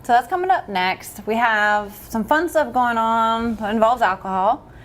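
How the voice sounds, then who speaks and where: A woman's voice: on the high side, normal speed, fairly bright tone. A woman hosting a livestream in a casual, chatty style, talking directly to the viewers. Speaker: livestream host.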